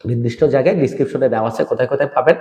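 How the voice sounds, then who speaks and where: A man from Bangladesh teaching Quran reading, asking and answering his own questions in an energetic recorded lesson with spoken drills. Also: mid-range voice, rapid-fire, echoey room.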